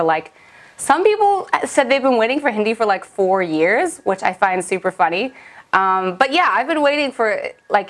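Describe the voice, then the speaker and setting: A young woman vlogging in a casual, upbeat way as she reviews a language app, chatty and full of little fillers. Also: medium pitch.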